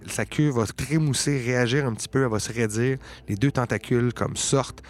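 A man with a Quebec French accent, narrating a tabletop game as game master in an unhurried, descriptive way. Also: mid-range voice, darkish tone. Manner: descriptive, unhurried storytelling with many fillers.

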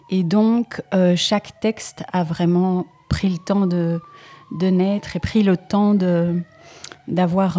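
A Belgian woman singer talks about her work in a relaxed interview. Her voice is low and mellow, and she is thoughtful and hesitant, pausing often with little "euh" fillers as she searches for words.

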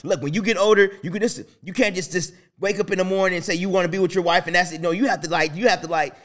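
Animated, fairly high-voiced man telling stories. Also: very fast. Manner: animated storytelling with many restarts. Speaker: podcast host. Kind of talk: casual talk with faith message.

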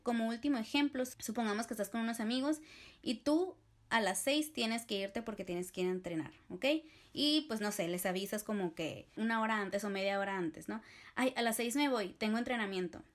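A woman giving an instructional talk, explaining things clearly and acting out short sample replies. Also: mid-range voice, a little fast. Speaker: presenter explaining assertive communication.

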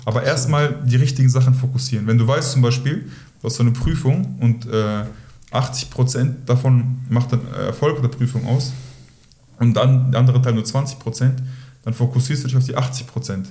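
A man's voice: medium pitch, a little fast, warm tone. A man who works as a weight-loss coach, talking directly and instructively in a casual podcast conversation, often closing his points with a short "so". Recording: roomy echo.

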